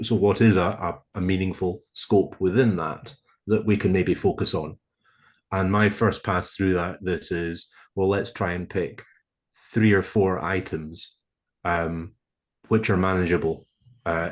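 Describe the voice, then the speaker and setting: A man on a video call presenting a technical proposal to a committee, speaking in a measured, hesitant way with frequent ums and restarts. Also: low voice, steady tone. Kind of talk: presenting a proposal over shared slides. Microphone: computer mic on a video call.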